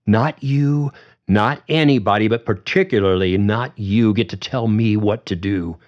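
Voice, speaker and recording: A man's voice: lowish voice, a little slow, muffled recording, pitched above the performer's own voice, close to an everyday voice. A man voicing an angry young woman who talks in a firm, clipped, seething way.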